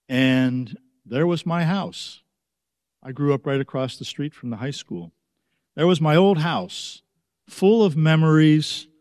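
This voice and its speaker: Male pastor from the United States, mid-pitched, unhurried and reflective sermon delivery, long church reverb. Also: a little mellow, clean studio sound. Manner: slow, measured, reflective delivery.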